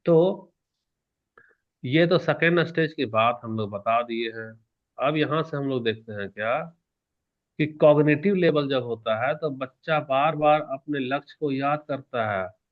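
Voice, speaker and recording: A male teacher giving an exam-prep lecture in a lively manner, asking questions and answering them himself while shifting between soft and loud. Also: medium pitch, unhurried, muffled recording. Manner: animated, varies loudness and pace, asks questions and answers them himself.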